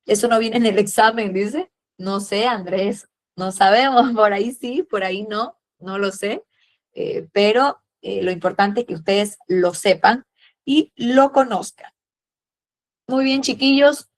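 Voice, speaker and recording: Woman history teacher, patient and questioning, fond of diminutives, mid-pitched voice. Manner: patient, fills pauses with "eh" and "a ver", uses diminutives. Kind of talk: classroom lesson, questioning students.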